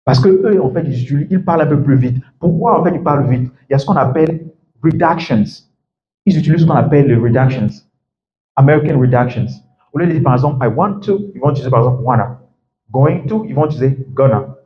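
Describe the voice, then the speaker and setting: A man's voice: on the high side, fast, slight background noise. A man coaching a group on English pronunciation in casual French, dropping fillers and modelling English words aloud. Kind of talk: live talk to a group. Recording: echoey room, dull lo-fi sound.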